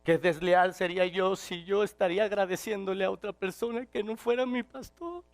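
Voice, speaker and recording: A man preaching a sermon, swinging from shouted passages to quiet, intimate ones. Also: high-pitched, steady tone, fairly quick.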